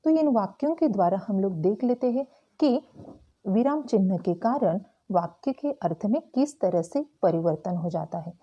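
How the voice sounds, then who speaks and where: A woman teacher explaining a Hindi grammar lesson slowly and carefully to school students. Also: medium pitch, animated, mellow, breathy edge, lo-fi sound. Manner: slow, careful explaining with frequent "tो चलो".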